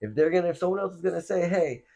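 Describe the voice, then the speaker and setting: A man from Florida hosting a casual podcast chat, animated and laughing, with lots of filler words. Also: sits high, very fast, creaky. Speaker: podcast host.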